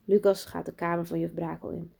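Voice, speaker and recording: A woman reading a children's storybook aloud, her narration soft and low-key. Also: level tone, brisk, vocal fry, breathy edge. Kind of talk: children's book read aloud.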